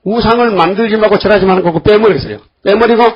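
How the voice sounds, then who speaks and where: An older man preaching a sermon in a church, lively and acting out the voices of the people he quotes. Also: high voice, fast talker, lo-fi sound. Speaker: pastor.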